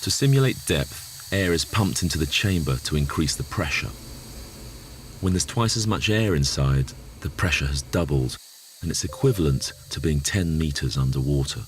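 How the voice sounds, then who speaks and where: A man narrating a science documentary as a calm, scripted voice-over. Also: extremely low pitch, moderate pace, a little hiss or hum. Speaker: documentary presenter. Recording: voice-over over loud music.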